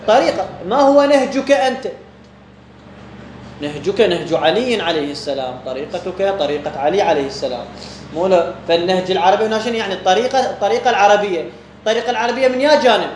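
A man with an Iraqi Arabic accent teaches a jurisprudence text to students, posing questions and answering them himself. His voice sits high, with lively intonation and a quick pace. The room is echoey, with a faint hum in the background.

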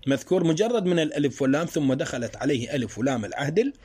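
A man teaching a grammar lesson. He explains slowly through worked examples and asks his students rhetorical questions. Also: fairly high pitch, sing-song, a little mellow, husky. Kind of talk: spoken Arabic grammar lesson.

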